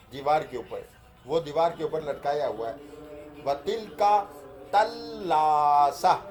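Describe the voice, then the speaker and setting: A man's voice: fairly high pitch, a little mellow. A man teaching an Arabic grammar lesson, reading each phrase aloud and then explaining and repeating it. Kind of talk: lesson explaining a text line by line.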